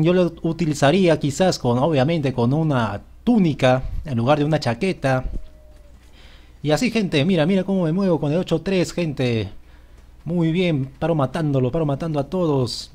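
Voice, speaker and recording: A man comments on his own gameplay in a slightly high voice. He sounds excitable and repeats words rapidly whenever the action heats up. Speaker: gaming channel host. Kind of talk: gameplay commentary over video clips.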